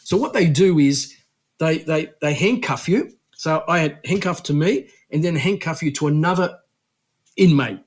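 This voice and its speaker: A man talks as a guest on a radio interview, telling his story with lots of restarts and a lively, rambling flow. His voice sits somewhat high for a man. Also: normal speed, breathy edge. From Australia.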